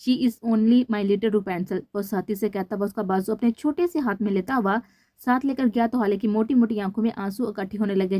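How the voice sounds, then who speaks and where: A woman with a Pakistani Urdu accent reads a romance novel aloud in a steady, unhurried way. Her voice is mellow and warm, and the dry, close recording carries no room sound. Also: medium pitch, no echo. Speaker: novel reader.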